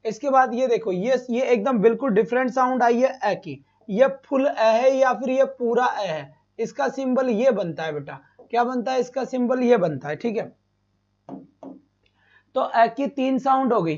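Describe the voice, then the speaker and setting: Man, teacher, live online lesson, repeats questions to students, lo-fi audio. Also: extremely high pitch. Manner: addresses students as beta, asks and answers own questions; bursts of loud praise. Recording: dull lo-fi stream audio.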